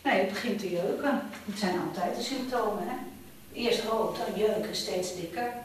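A woman's voice: mid-range voice, moderate pace, reverberant, slight background noise, natural voice, rough recording. An actress in a radio play as a young woman on the phone with her mother, fussy, caring and exasperated. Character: young woman alone at home, anxious, caring. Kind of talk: radio drama acting.

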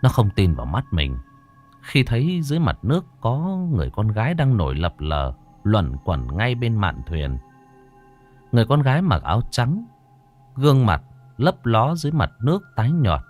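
A man tells a ghost story in a low, dramatic voice. His pitch rises and dips with lively expression. Faint music sits quietly beneath him. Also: normal speed. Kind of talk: scripted horror narration.

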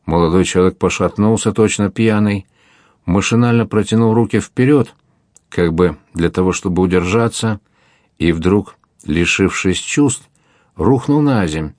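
A man reads an adventure novel aloud in a measured, dramatic way. His voice is very deep, and the recording is dry and close with no room sound. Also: a little mellow, dry recording. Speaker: audiobook narrator. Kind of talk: scripted narration.

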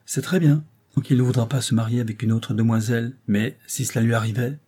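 Sly young niece, flat and blunt, husky; a man reading her lines. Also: mid-range voice, fairly quick, natural voice. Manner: blunt and matter-of-fact. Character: sly, blunt young girl, spiteful and stubborn.

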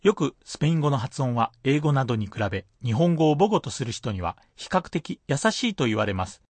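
A man's voice: medium pitch, sing-song, brisk, no echo. A man teaching a radio language lesson, patiently explaining pronunciation point by point.

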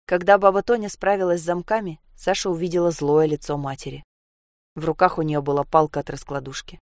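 A woman narrating a story in an even, measured reading. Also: deep voice, no echo, studio quality.

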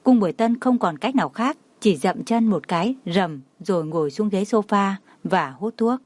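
A woman reading a novel aloud in steady, even scripted narration. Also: mid-range voice, normal speed, no room sound. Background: faint background music.

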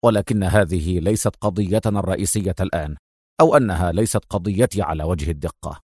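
A man doing a low, firm, composed secret agent. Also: normal speed, darkish tone, dry recording, studio quality. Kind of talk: audiobook character voice.

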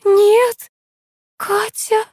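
Casting: a timid young wife in shrill, panicky cries, put on by a woman narrator; very high, loud, a dry close sound. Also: flat delivery, drawn-out words, no room sound, full character voice. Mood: panicked.

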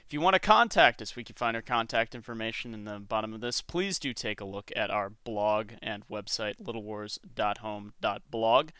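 A man's voice: on the low side, moderate pace, hardly any pauses, bright, forceful tone, clean tone, no echo, studio quality. A man hosting a casual podcast, joking and rambling with frequent restarts. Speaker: podcast host.

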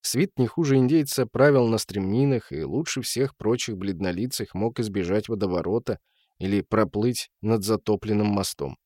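A man narrating a story as an audiobook reader, in a measured storytelling manner. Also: fairly low pitch, darkish tone, no room sound, clean studio sound. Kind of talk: audiobook reading.

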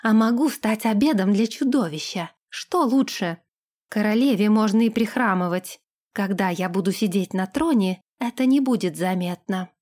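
A woman's voice: mid-range voice, moderate pace, lightly acted. A woman voicing a spoiled, imperious young princess who snaps and gives orders in an audiobook. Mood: commanding. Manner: haughty, sharp-tongued, commanding. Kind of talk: audiobook character voice.

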